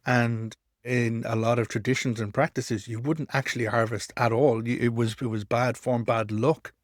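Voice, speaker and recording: A man's voice: mid-range voice, little pitch movement, moderate pace, no echo, clean studio sound. An Irish man giving an informal explanatory talk in a conversational storytelling manner, repeating words for emphasis. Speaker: storyteller and pagan teacher.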